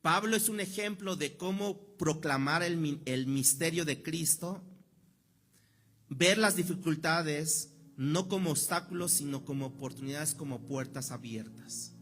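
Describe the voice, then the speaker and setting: A man with a Mexican accent and a slightly high voice preaches a sermon. He keeps it conversational, throws rhetorical questions at his listeners and briefly acts out the people he quotes. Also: measured pace, fairly bright tone. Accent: Mexican Spanish. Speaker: pastor. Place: church hall.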